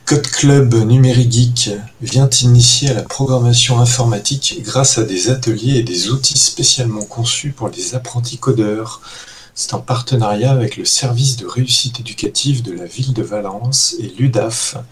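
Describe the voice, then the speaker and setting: Mid-pitched man presenting radio listings. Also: normal speed. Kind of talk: reading announcements. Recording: faint background noise.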